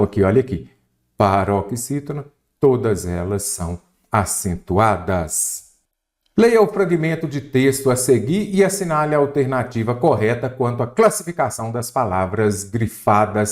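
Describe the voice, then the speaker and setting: A man's voice: mid-range voice, a little mellow. A man with a Brazilian accent teaching an exam-prep Portuguese grammar lesson, stressing syllables and asking the viewer questions.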